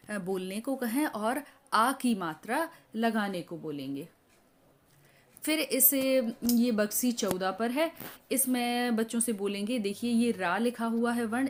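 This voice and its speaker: A woman teacher from India walks through a lesson slowly and deliberately, at an unhurried pace. She hesitates often with fillers and stretches out sample words as though saying them to small children. Her voice sits at an ordinary middle pitch. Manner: slow, halting explanation with many filler pauses; models words for children in drawn-out syllables. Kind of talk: teacher training walkthrough of a workbook lesson.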